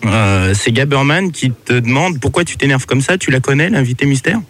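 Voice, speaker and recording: A man's voice: mid-range voice, animated, normal speed, very noisy. A man reading out listener questions on a radio show and pressing for answers.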